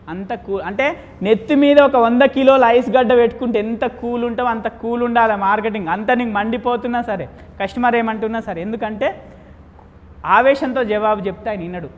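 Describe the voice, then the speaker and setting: Animated trainer. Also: male voice, extremely high pitch. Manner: animated, quizzes the audience and acts out dialogues. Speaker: real estate sales trainer. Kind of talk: live training seminar lecture. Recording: long hall reverb.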